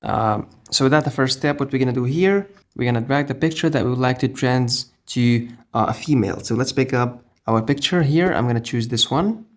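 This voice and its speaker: A man's voice: mid-range voice, expressive, normal speed, few pauses. A man hosting a casual how-to video, talking the viewer through an app step by step. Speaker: tutorial host.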